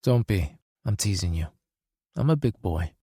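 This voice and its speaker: A man's voice: sits low, expressive, normal speed, dark tone, slightly rough, no echo, studio quality, full character voice. A man voicing a kind-hearted, joking young male friend in an audiobook. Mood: warm teasing. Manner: easygoing, joking. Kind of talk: audiobook character voice.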